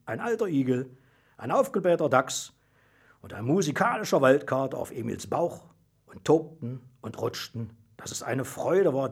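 A man reading a children's story aloud in a lively, sing-song way. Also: mid-range voice, husky.

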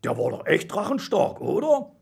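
A man's voice: a little high, huge pitch swings, normal speed, gravelly, darkish tone, husky, voice pushed up, full character voice. A man voicing a big, friendly male dragon who hisses his words in a children's story. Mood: cheerful. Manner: hissing.

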